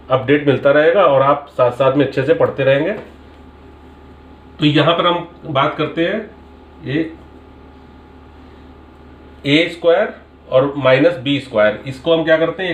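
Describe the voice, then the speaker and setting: A man teaching maths, working through a problem step by step with a patient manner. His voice sits a little high. The room around him rings with echo. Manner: patient step-by-step explaining, mixing English terms. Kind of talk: Hindi-English maths lesson explaining a paper. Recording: echoey room sound.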